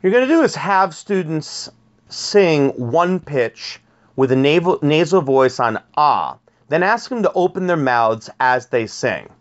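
A man with a fairly high speaking voice gives a vocal pedagogy workshop, talking at an unhurried, deliberate pace. He explains things patiently, with frequent fillers and repeated words. The recording sounds dull and lo-fi. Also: sing-song. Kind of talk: spoken workshop lesson.

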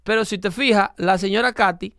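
A man's voice: high-pitched, a little fast, sharp tone, dry recording, studio quality. A man hosting a talk show, explaining his views emphatically and acting out little dialogues as he goes. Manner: emphatic, lecturing, acts out dialogue. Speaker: show host. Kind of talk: opinionated talk show chat.

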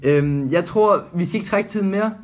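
A man co-hosting a podcast in relaxed, casual chat, pausing often with fillers. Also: high-pitched. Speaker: podcast co-host.

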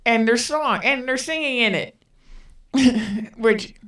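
A woman podcast co-host retelling a film in an unhurried, rambling way with fillers. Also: a little high, a bit bright, far from the mic. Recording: roomy, away from the mic.

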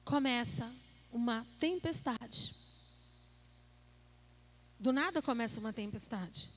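A woman's voice: a little high, expressive, slow. A woman preaching a sermon in a playful, conversational way, joking with her listeners and asking them questions. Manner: playful and conversational, jokes with the audience.

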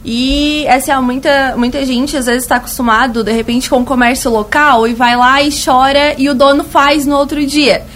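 A woman with a high-pitched, thin and reedy voice that sounds slightly cracked. She talks colloquially as a store representative in a radio interview, repeating points for emphasis, with faint noise behind her. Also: little pitch movement, normal speed, hardly any pauses, fairly bright tone. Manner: colloquial, fond of diminutives and emphatic repetition. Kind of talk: conversational promotional interview. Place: radio studio.

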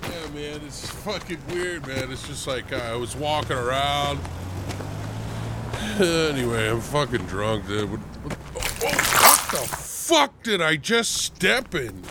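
Man playing a sloppy drunk dude, low mumble, slow drawl, loud hum behind. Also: big pitch swings. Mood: drunk, confused. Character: drunk young man stumbling home.

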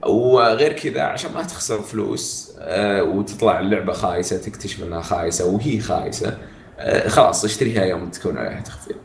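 A man gives emphatic, quick-fire advice in casual banter. His voice is on the low side and rapid. The sound carries a noticeable room echo. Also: vocal fry, a little hiss or hum. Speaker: podcast co-host. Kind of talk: casual gaming chat. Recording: echoey room.

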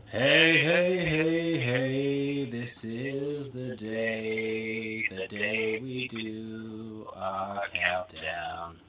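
A man heard through a phone on speakerphone, announcing in a slow, stretched-out way. His voice is sharp and tense, with a faint hiss behind it. He sounds hyped up as he opens the show. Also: on the low side. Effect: heard over a phone on speakerphone. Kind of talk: casual podcast intro.

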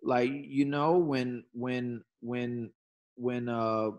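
An earnest man in a casual conversation with a voice of ordinary pitch. He restarts and repeats words as he looks for a thought, then speeds up into quick bursts. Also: steady tone, darkish tone.

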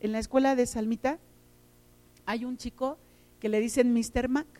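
A woman's voice: a little high, fairly even intonation, moderate pace, dark tone. A middle-aged woman giving an emotional sermon, telling personal stories and often repeating her words. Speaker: teacher and lay preacher.

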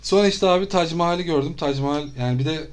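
Casual male traveler, quick talker with a noticeable stammer and loose delivery. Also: on the high side. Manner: stammers, restarts words often. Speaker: traveler telling trip stories. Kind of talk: casual chat.

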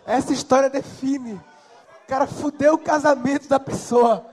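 A man's voice: very high voice, steady tone, normal speed, darkish tone. A man with a Brazilian Portuguese accent hosting a casual chat, teasing and prodding his guest. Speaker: host.

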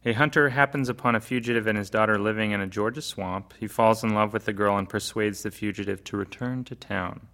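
Guy, podcast co-host, lower voice, loose chatty storyteller. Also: steady tone, fairly quick, hardly any pauses, a bit bright. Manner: chatty storyteller, swears, acts out his own reactions. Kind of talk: casual podcast chat.

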